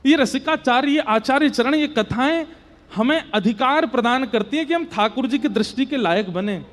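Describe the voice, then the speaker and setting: A man telling a devotional story in a sermon, emotive, his voice swelling louder on devotional lines. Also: sits high. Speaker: Bhagavat storyteller. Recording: long hall reverb.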